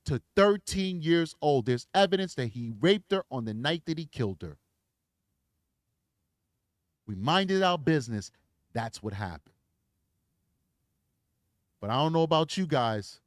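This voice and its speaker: Guy hosting a true crime stream, kinda high voice, fired up then chatty, dry mic. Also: no room sound. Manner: preachy, emphatic, then chatty plugs. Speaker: true crime livestream host. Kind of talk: impassioned livestream outro. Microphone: desk microphone.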